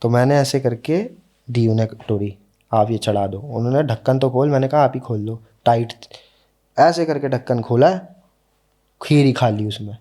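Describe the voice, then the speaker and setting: A young man with a mellow, warm tone tells a personal story as a podcast guest. He talks casually and earnestly, and slows down to let the emotional moments land. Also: medium pitch.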